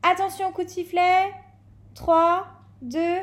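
A woman's voice: very high voice, little pitch movement, takes it slowly, pitched above the performer's own voice. A woman voicing a stern flying teacher barking orders. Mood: commanding. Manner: barked, clipped instructions. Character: stern female flying teacher, brisk and commanding. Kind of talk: storybook read-aloud.

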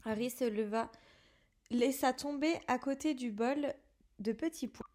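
A woman's voice: sits high, a little slow, a little mellow. A woman reading a novel aloud in an unpolished way, correcting herself as she goes. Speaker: reader.

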